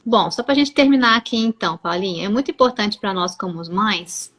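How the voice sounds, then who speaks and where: A woman's voice: mid-range voice, animated, fairly quick, fairly bright tone. A woman with a Brazilian Portuguese accent hosting a live stream, reading viewer comments aloud and encouraging mothers affectionately. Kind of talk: casual live-stream conversation.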